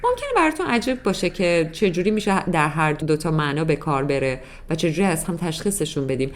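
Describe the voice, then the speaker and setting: A woman teaching a beginner English grammar lesson in Persian, patiently explaining step by step and repeating examples. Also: sits low. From Iran.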